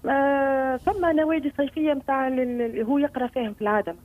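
A woman in her forties speaks in a Tunisian Arabic accent over a tinny phone line. She talks very fast and a little high, breaking off and restarting her sentences as she goes. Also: steady tone. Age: 40s. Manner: rapid, hesitant, many restarts. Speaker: caller. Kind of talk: phone-in call.

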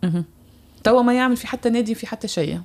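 A woman's voice: on the high side, racing, a little mellow. A woman with a Tunisian Arabic accent hosting a talk show, listening closely with constant short sounds of assent. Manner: attentive, frequent murmured assent. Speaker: host.

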